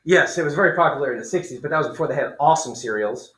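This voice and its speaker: Bright-voiced man teacher reading aloud. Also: a little high, rapid-fire. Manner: playful, chatty asides to students. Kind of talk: reading a story aloud to a class and explaining it. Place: classroom. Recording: echoey classroom with students.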